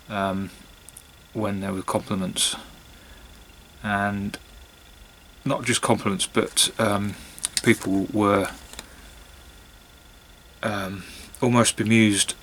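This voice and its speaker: Guy rambling slowly in a low gravelly voice, lots of pauses, bit of background noise. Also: bright, forceful tone. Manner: hesitant, musing, long pauses and trailing phrases. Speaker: pipe-smoking vlogger. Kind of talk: casual monologue to camera.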